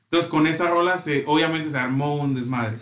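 A man's voice: on the high side, a little fast, a bit bright, reverberant. A man with a Mexican accent telling concert stories in casual, slang-heavy chat. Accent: Mexican Spanish. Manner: enthusiastic, slangy storytelling.

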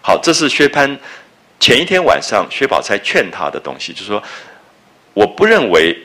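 A man's voice: mid-range voice, wildly swooping pitch, moderate pace, pushed and bright. A man lecturing on a classic novel. He talks conversationally, repeating phrases and asking his listeners rhetorical questions. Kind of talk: explanatory literature lecture.

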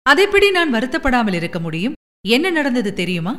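A young would-be actress who speaks sweetly and pleads or gushes with each line, as a woman narrator puts her on. Her voice sits high and light. A long reverb lingers around her. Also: sing-song, brisk, pushed and bright. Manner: sweet, apologetic and gushing. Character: young woman hoping to become a film actress.

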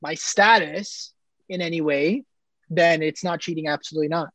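A man's voice: fairly high pitch, normal speed, fairly bright tone, dry recording, rough recording. A man in his twenties co-hosting a podcast, arguing his point emphatically and repeating himself. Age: 20s. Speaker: podcast co-host. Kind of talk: casual chat.

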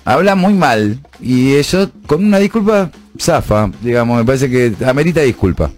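A man's voice: medium pitch, expressive, moderate pace, a little mellow. Man, Argentine accent, radio studio talk, emphatic, faint music behind. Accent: Rioplatense Spanish. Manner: opinionated, emphatic, repeats himself. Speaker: radio host. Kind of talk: late-night radio talk.

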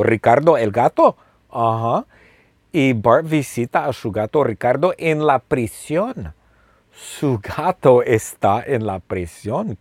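A man telling a simple story slowly and playfully, repeating phrases and asking the listener questions. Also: medium pitch, a little mellow, breathy edge, dry recording. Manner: playful, with sound effects. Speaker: storyteller for language learners. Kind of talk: slow, simple storytelling with lots of repetition.

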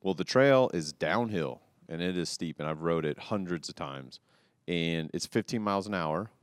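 Deep-voiced man telling a story, dry sound. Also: normal speed, clear, resonant tone, no echo. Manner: animated, rambling, restarts, quotes people loudly. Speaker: podcast co-host telling a cycling story. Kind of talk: casual storytelling chat.

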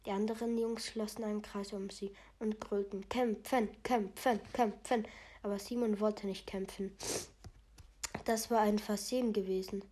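A woman narrating a storybook with a steady, even delivery. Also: mid-range voice, normal speed. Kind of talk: storybook reading.

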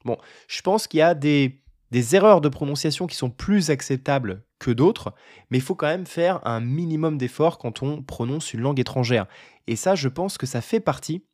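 A young French man giving a casual talk to camera about learning languages, often pausing on fillers and restarting his sentences. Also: fairly high pitch, lively intonation, darkish tone, no echo, clean studio sound. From France. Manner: hesitant, many fillers and restarts.

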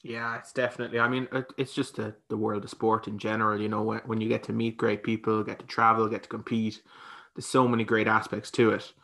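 An Irish man hosts a casual podcast interview. His voice is on the low side, with a forceful, bright tone and plenty of creak. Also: flat delivery, fairly quick.

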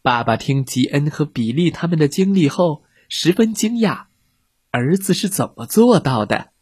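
A narrator telling a children's story in a lively, expressive way. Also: medium pitch, normal speed, husky, no echo, clean studio sound.

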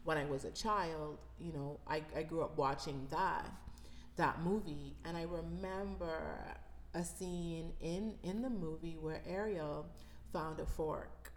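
A Bahamian woman in her thirties hosts a podcast, recounting personal stories in a reflective, conversational monologue full of fillers and laughter. Her voice sits low and her pace is measured, with slight background noise.

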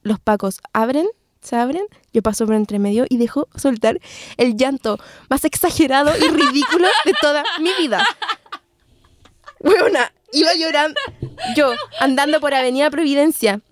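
A woman's voice: high voice, moderate pace, slight background noise. A woman with a Chilean accent, co-hosting a podcast, telling a story in casual chat full of slang and laughter. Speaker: podcast co-host.

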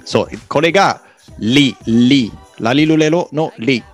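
A man teaching pronunciation, coaching and correcting with lively encouragement and frequent laughter. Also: mid-range voice, slow pace, soft background music. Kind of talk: casual pronunciation lesson.

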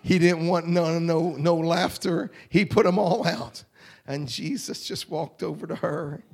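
A man preaching a fervent holiness sermon, rhythmic and drawling, often clearing his throat. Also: on the high side, fairly even intonation, measured pace, darkish tone. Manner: fervent, rhythmic, drawling with repeated call-outs.

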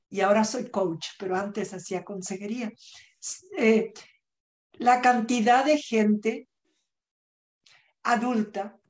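A woman guest who works as a self-management coach, speaking in an earnest, measured way, acting out her own inner dialogue and slipping English words into her Spanish. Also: a little high, a little mellow. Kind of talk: podcast interview talk.

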